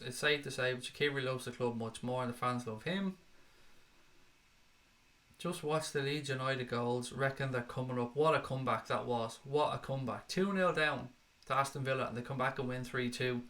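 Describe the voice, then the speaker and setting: A man's voice: mid-range voice, normal speed, bright, forceful tone. An Irish man hosting a casual livestream, reading viewer comments aloud and answering them bluntly, swearing freely. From Ireland. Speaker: livestream host reading chat. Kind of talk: casual chat.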